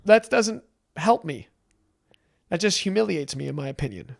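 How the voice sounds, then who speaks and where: A man's voice: high-pitched, normal speed, vocal fry. A man telling a personal story in a candid, emotional chat, with many restarts. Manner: animated, emotional, many restarts and acted quotes. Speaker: podcast guest.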